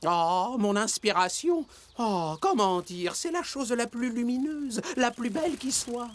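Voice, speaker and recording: A woman's voice: on the high side, expressive, unhurried. A woman voicing a sensitive, dreamy male artist creature in a children's cartoon, hesitant, florid and dramatic. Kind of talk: French children's cartoon voice acting. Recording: music under the voice.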